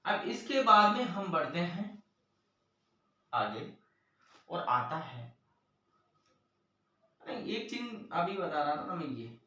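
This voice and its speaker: A man teaches a maths lesson and explains each step to the children, calling on them again and again. His voice sits high and swings widely in pitch. It comes from some way off the mic, in a room with a strong echo. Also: sing-song, slow pace, long pauses, pushed and bright, distant mic.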